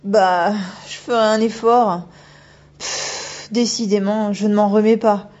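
A woman voicing a panicky, excitable young schoolgirl in an audiobook, shrill and exclaiming. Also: takes it slowly, dull audio, natural voice. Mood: flustered. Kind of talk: audiobook character voice.

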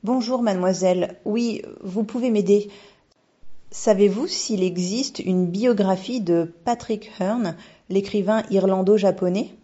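A woman's voice: medium pitch, a little slow, breathy edge. A woman voicing a shy, polite little girl in a storybook reading, with a dull lo-fi sound. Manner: polite, gentle. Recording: dull lo-fi recording.

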